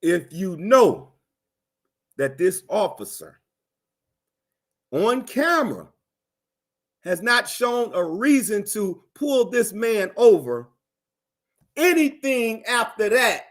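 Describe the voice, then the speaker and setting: A man giving animated, emphatic commentary and answering viewers, driving his points home with repeated phrases. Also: high-pitched, takes it slowly, pauses often. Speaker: commentator on a livestream.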